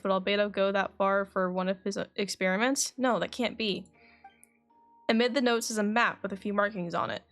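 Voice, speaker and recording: A woman with a mid-range, fairly bright voice streams a game, reading its dialogue aloud and tossing in casual commentary. She keeps correcting herself as she reads.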